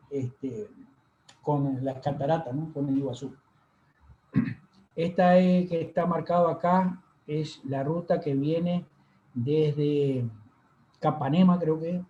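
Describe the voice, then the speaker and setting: A man giving a university lecture over slides, unhurried and full of fillers and pauses. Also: on the high side, warm tone. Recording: echoey room, dull lo-fi sound.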